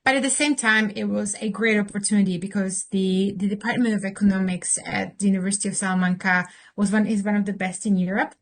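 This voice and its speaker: A woman's voice: mid-range voice, steady tone, quick pace, hardly any pauses. Slovak-born woman answering interview questions. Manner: thoughtful, many fillers and restarts. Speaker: interview guest, consultant.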